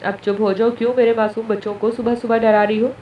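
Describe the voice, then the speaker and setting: A woman's voice: fairly high pitch, level tone, quick pace, highs cut off, slight background noise, close to an everyday voice. A woman voicing a playful, proud young husband who banters affectionately with his wife, recorded at a distance in an echoey room. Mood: teasing.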